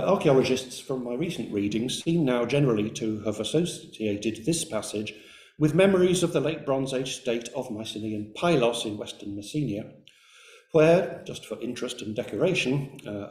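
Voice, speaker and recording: A man's voice: mid-range voice, a little mellow, echoey room. A man giving an academic lecture, reading carefully from a script with brief hesitations. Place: lecture room.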